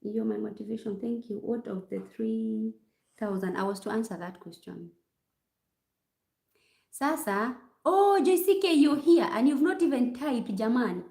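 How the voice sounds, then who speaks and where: A woman's voice: fairly high pitch, lively intonation, a little slow, vocal fry, mellow. A woman with a Kenyan accent chats with her livestream viewers, answering their questions one by one. She is casual and talkative and sprinkles in Swahili phrases. The recording carries a noticeable room echo. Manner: chatty, mixing in Swahili phrases. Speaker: nurse. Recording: roomy echo.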